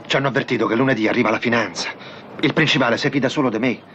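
An actor playing a dutiful young adult son, calm and apologetic, explaining himself to his father. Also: mid-range voice, racing, slight background noise, close to an everyday voice. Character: earnest, dutiful young factory-worker son. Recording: dull lo-fi film soundtrack.

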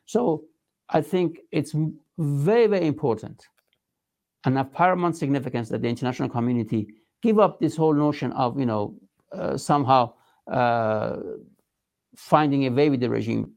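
A man with a Persian accent giving an interview as a political spokesman, speaking emphatically and formally, with halting phrasing. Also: medium pitch, gravelly, darkish tone. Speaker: resistance movement spokesman being interviewed.

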